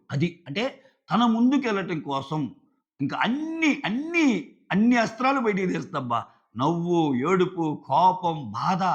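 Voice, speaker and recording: A man talks through a reality show episode in a casual review. His fairly high voice swings widely in pitch as he acts out what the contestants said. The recording sounds dull and lo-fi. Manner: animated, acts out contestants' lines in quotes.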